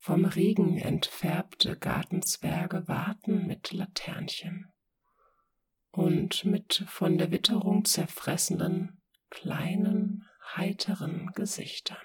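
A reader narrating dark poetic passages slowly in a hushed, whispery voice. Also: mid-range voice, steady tone, vocal fry, breathy edge. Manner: slow, hushed and whispery reading. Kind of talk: scripted narration.

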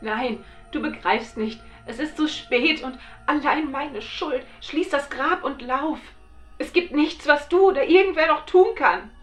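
A frantic, trapped man's voice, pitched high and bright, as a woman puts him on. He pleads in slow, drawn-out words, swinging from screams to hopeless resignation, with faint music playing behind. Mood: desperate. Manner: desperate, panicked pleading. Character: terrified man trapped in a tomb, calling up by phone.

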